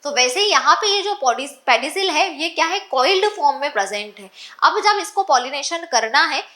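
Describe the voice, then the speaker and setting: Bright high-voiced woman teaching biology. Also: lively intonation, moderate pace. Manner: keeps asking rhetorical questions and answers them herself; repeats key points. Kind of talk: exam-focused lecture.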